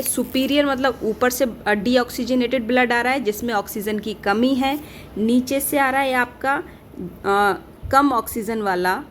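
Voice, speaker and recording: A woman from India teaching a casual lecture, talking quickly and checking in with her students after almost every point. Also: fairly high pitch, slight background noise. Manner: talks fast, with a rhythm that speeds up as she teaches; keeps asking and answering her own questions, peppered with "theek hai" checks. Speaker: pharmacy tutor.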